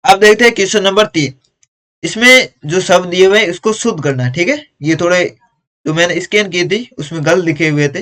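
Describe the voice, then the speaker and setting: A man with a fairly high voice teaches a workbook lesson. He walks through each exercise patiently, one step at a time, correcting the words as he goes. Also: fairly bright tone.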